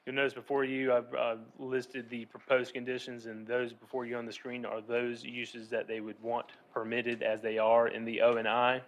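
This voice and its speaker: A man in his thirties, a city planner, presenting a formal staff report from a podium in a council chamber, measured and procedural with occasional fillers. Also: mid-range voice, monotone, low-quality recording. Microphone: podium microphone.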